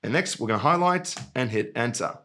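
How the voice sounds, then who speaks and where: Brief: male trainer, casual screen-recording tutorial, mid pitch, lively, jokey asides. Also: a little fast. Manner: relaxed, jokey, talks to the software as a person. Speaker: software trainer.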